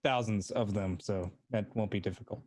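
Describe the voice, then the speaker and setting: A man playing a ship captain in a tabletop game, speaking casually in character with a measured, dry manner. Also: on the low side, fairly even intonation, a little mellow.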